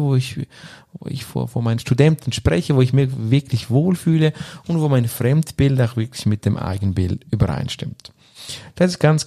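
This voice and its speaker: A man's voice: medium pitch, dark tone. A man hosting a coaching podcast, talking straight to the listener in an earnest, emphatic way. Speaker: podcast host and lecturer.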